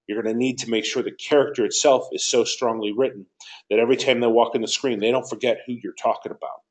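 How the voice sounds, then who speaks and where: A man's voice: medium pitch, steady tone, fast talker. Man, course director, mid-range voice, conversational teaching Q&A, repeats key points. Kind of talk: live Q&A teaching session.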